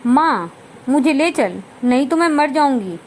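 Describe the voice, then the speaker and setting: This is a spoiled young bride, as a woman narrator puts her on in a spoken storybook. She complains in a whiny, pleading way, her voice sitting high. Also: normal speed, a little hiss or hum, natural voice. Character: spoiled young bride who sulks and cries.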